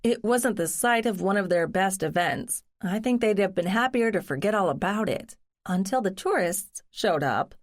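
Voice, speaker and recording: A woman's voice: mid-range voice, animated, moderate pace, few pauses, lightly acted. A woman, a cozy mystery narrator, voicing an earnest, wry, determined woman in conversational, explanatory audiobook dialogue.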